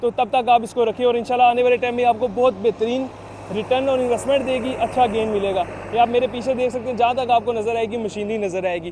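A young man, a real estate agent giving a persuasive sales pitch outdoors at a construction site, with frequent fillers. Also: darkish tone, a little hiss or hum. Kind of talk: promotional site-visit talk to camera.

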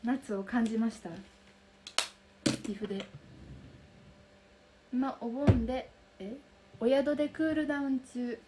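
A young woman with a soft Kansai accent chatting casually on a livestream, reading out and answering viewer comments. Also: on the high side, takes it slowly, long pauses, slight background noise. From Kansai region of Japan. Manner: soft, bubbly, chatty with frequent laughs. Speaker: livestream host. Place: room lit by daylight.

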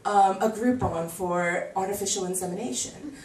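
A woman's voice: medium pitch, moderate pace, a little hiss or hum. A woman in her thirties with an American accent, doing a chatty stand-up comedy set on a handheld mic in a small bar comedy club. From United States. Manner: chatty, animated, acts out voices in quotes. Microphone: handheld mic, filmed from far camera. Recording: echoey room from far off.

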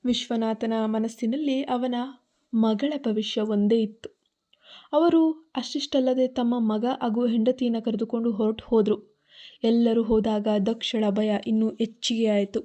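A woman's voice: on the high side, steady tone, unhurried, mellow. A woman telling an emotional family drama as a storyteller. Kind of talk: storytelling narration.

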